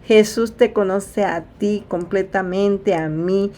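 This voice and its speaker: A woman's voice: mid-range voice, steady tone, slow, a little hiss or hum. A woman giving an informal Bible sermon, retelling scripture and speaking straight to her audience with sighs and asides. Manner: warm direct address, repeats "amada audiencia".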